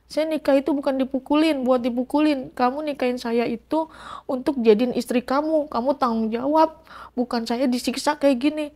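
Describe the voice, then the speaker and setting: A woman's voice: high voice, fairly even intonation, moderate pace, darkish tone. A middle-aged woman giving an emotional personal testimony in an interview, acting out quoted dialogue as she recounts events.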